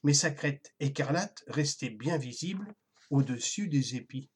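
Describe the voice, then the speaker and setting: Husky children's story narrator. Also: mid-range voice, animated, a little slow.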